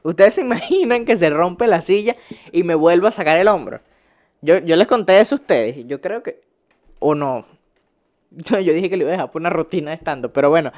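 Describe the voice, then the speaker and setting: A man's voice: on the high side, animated, brisk, a little mellow. A young man with a Venezuelan accent, ranting casually as a vlogger, swearing a lot, laughing often and stumbling over his words. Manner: profane, rambling, laughs often, restarts words. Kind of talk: casual rant.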